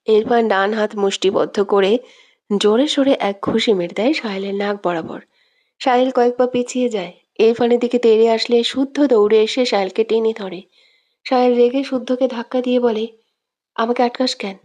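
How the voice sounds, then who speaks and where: A woman narrating a romantic audio story in a steady, dramatic storytelling manner. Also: on the high side, moderate pace.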